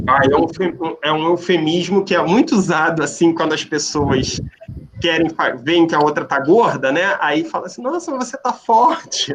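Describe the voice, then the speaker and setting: A man's voice: on the high side, background noise. A man teaching a remote language class, explaining step by step and checking in with "né?" and "ok?" often. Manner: explanatory, asks "né?" and "ok?" often, with frequent restarts.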